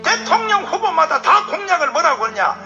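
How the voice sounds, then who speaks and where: Male pastor, high-pitched voice, fiery sermon with sudden shouts and murmurs, music playing underneath. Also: big pitch swings, brisk, vocal fry, highs cut off. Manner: fiery, swings from shouting to hushed asides. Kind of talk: political sermon lecture.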